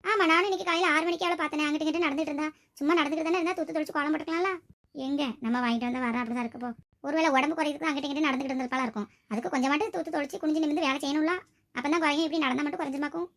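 A woman's voice: sits high, rapid-fire, fairly bright tone. A woman voicing a chatty, nosy village neighbor who gossips at length. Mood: gossipy.

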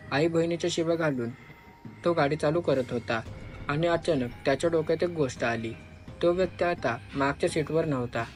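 A man narrating a horror story in an expressive, dramatic storytelling style. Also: fairly high pitch. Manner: expressive, switches voices for characters.

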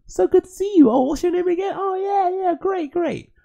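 Man doing a squealy, phony-cheerful interviewer who gushes; bits of mock falsetto. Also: normal speed, gravelly, dark tone. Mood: fake gushing. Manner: squealing falsetto, fake enthusiasm. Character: gushing fake-friendly office interviewer.

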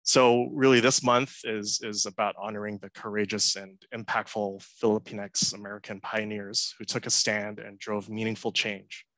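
A man in his thirties, from Hong Kong, giving a prepared conference talk over a headset on a video call, earnest and measured with many uh fillers. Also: lowish voice, little pitch movement, a bit bright, dry recording, low-quality recording. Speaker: conference speaker. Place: home room, indoors. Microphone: headset mic on a video call.

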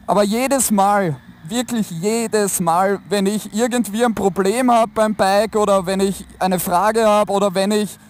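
An Austrian man chatting casually and in slang to viewers from inside a motorcycle helmet while riding. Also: high-pitched. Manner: colloquial, slangy. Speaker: motorcycle vlogger. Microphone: helmet-mounted mic. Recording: enclosed helmet sound, road noise. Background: motorcycle and traffic noise.

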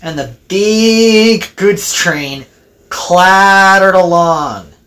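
A woman narrating a homemade train story in an unhurried, sing-song way. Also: on the low side, a bit bright.

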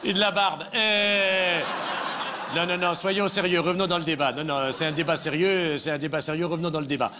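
A man's voice: on the high side, steady tone, fairly quick, noisy background. A male comedian in a live stage sketch, playing a smug, patronizing politician who repeats himself. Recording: live theatre with audience laughter.

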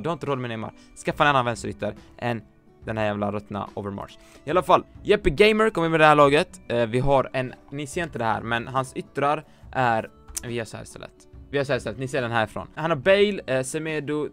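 Male gaming creator, casual blunt team-review chatter, mid-pitched, faint music bed behind. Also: expressive, fairly bright tone, clear, resonant tone. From Sweden. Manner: blunt, joking, swears often, mixes English slang. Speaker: gaming YouTuber reviewing viewers' teams. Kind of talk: casual commentary.

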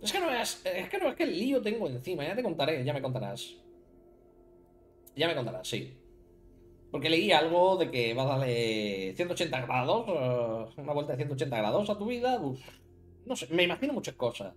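A man's voice: a little high, big pitch swings, a little fast, soft background music. A man from Spain with a Spanish accent, chatting casually on a live stream while building a card deck and talking to viewers. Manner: chatty, thinks aloud, talks to chat viewers by name.

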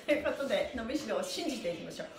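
A high-voiced livestream host teaches stretching in rapid-fire, expressive bursts with a creaky edge, staying cheerful and encouraging, laughing frequently, counting chants aloud and politely adding playful honorifics to body parts. Her small bare room with wooden floors echoes, since the camera mic is several metres away.

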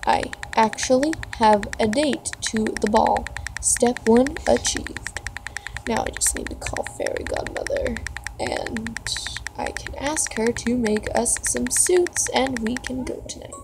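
A woman reading aloud the texts of a nervous, princely young man, in a fast, fretful rush, with music playing under her voice. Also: on the high side, creaky, background noise.

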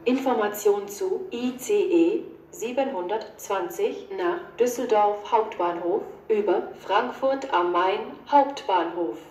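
A woman with a standard German accent reads scripted automated platform announcements in a measured, segmented, neutral delivery over a train station loudspeaker. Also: medium pitch. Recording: echoey station PA, clear background station noise.

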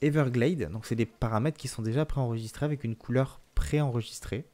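A man hosting a relaxed game walkthrough, explaining features with many filler pauses. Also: medium pitch. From France. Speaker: gaming video host.

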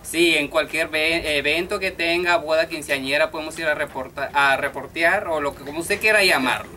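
A man in his thirties from Guatemala with a bright, forceful voice and a slightly high pitch, introducing himself in an upbeat way. He sits in a studio, and faint background hiss runs under his voice. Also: normal speed. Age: 30s. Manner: upbeat, grows louder and more excited. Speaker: comedy duo co-host. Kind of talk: casual on-camera introduction.

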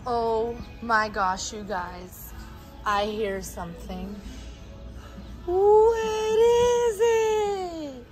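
High-voiced woman vlogging from her phone. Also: very slow, music in the background. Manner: chatty, addressing viewers as you guys. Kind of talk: casual travel vlog. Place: in a car, then inside a farm supply store. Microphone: phone at arm's length.

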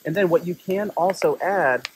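A man's voice: sits high, moderate pace, a little hiss or hum, rough recording. A man in his thirties, a chef giving a casual, chatty outdoor cooking demonstration while sitting on a rock in open grassland. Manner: upbeat, chatty, easygoing.

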